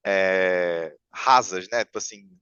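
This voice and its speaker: A man's voice: deep voice, slow, sharp tone, clear, resonant tone, no echo. A man telling a long story in casual podcast chat, rambling with many fillers and restarts. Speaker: podcast guest. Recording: muffled, lo-fi mic sound.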